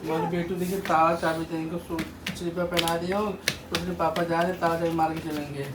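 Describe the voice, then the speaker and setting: A man filming a casual family vlog at home on his phone, consoling his family and talking gently to his small child. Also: fairly high pitch, flat delivery, fairly quick, background noise. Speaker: vlogger, father. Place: home, indoors. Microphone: handheld phone.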